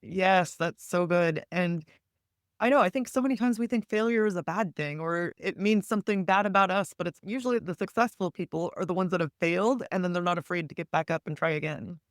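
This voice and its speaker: A woman's voice: lowish voice, a little fast, no echo, studio quality. A woman hosting a podcast interview, affirming her guest and asking curious questions. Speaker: podcast host.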